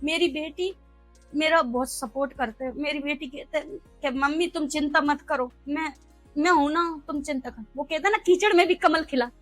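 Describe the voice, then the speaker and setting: High-voiced earnest woman vendor. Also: normal speed, fairly bright tone, no room sound, soft background music, low-quality recording. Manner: earnest storytelling, acts out dialogue. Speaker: street food vendor. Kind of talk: emotional personal interview.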